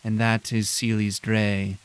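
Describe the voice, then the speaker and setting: A man voicing a condescending male professor with a nasal, monotone voice, speaking coldly and slowly. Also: lowish voice, clear, resonant tone. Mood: smug. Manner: cold, slow and drawn-out. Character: smug, condescending male professor giving a tour.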